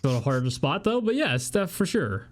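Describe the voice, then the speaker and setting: A man's voice: fairly high pitch, big pitch swings. A man running a tabletop game as game master, talking in a hesitant way with many restarts. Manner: hesitant, halting delivery with frequent restarts. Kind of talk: narrating and voicing a tabletop game.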